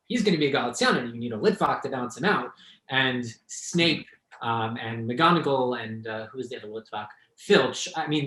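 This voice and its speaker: A thoughtful man talks about his translation work at a relaxed, hesitant pace, dotting his sentences with fillers. His voice sits in a middle register, and the room around him gives a noticeable echo. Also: medium pitch. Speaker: translator, guest speaker. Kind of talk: conversational talk.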